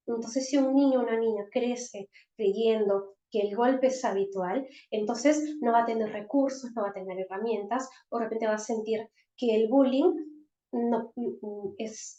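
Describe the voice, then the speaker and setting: A woman's voice: fairly high pitch, mellow. A woman psychologist, explaining things in an online talk for parents and often checking in with her listeners. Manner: explanatory, frequent checking tags. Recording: roomy, dull online-call audio.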